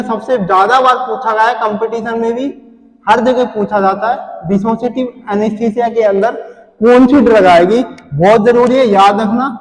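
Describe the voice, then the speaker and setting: A man's voice: extremely high pitch, darkish tone, big-room sound, low-quality recording. A man teaching pharmacy in a lecture, repeatedly asking questions and answering them himself while drawing on a board. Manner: repetitive quizzing, asks then answers himself. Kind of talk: classroom lecture.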